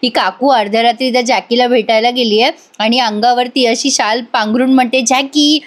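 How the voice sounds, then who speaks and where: High-voiced woman narrating a TV recap. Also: fairly even intonation, a little fast. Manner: chatty, addresses viewers directly. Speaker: TV episode reviewer. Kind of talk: voice-over episode recap.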